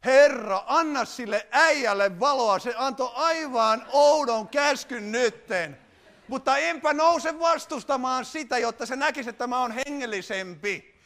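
A man's voice: extremely high pitch, fairly bright tone, pitched above the performer's own voice. A man voicing an exasperated wife praying, pleading and mock-pious, about her stubborn husband.

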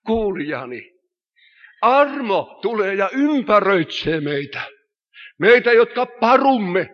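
Solemn preacher in a reverberant hall. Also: male voice, high-pitched. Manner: solemn, rising to emphatic cries. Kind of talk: sermon. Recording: reverberant hall, dull lo-fi sound.

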